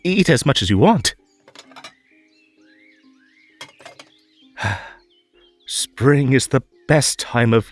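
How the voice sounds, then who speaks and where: A man's voice: mid-range voice, no echo. A man playing a whimsical, lonely and possessive magical rabbit host in a roleplay audio drama, coaxing theatrically with stammers and nervous giggles. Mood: eager, delighted.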